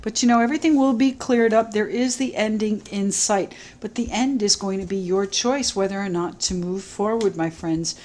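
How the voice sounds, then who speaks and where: A woman giving a solo tarot reading to camera, musing gently and repeating her phrases, a little choked up. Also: mid-range voice, normal speed, few pauses, rough recording. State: slightly choked up, clearing throat. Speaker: tarot reader.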